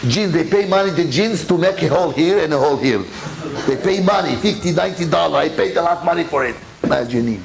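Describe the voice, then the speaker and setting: A man's voice: fairly high pitch, lively intonation, fast, vocal fry, a crowd in the background, rough recording. A man giving a Torah lecture as a rabbi, telling stories in broken English with Hebrew words mixed in and acting out both sides of each dialogue. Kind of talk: storytelling sermon.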